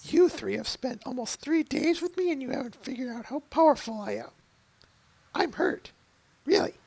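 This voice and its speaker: A woman voicing a scheming female changeling queen villain in a hushed, sneering, drawn-out way, in an amateur comic read-through. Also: sits high, animated, vocal fry, slightly rough, exaggerated voice, low-quality recording. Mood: mocking.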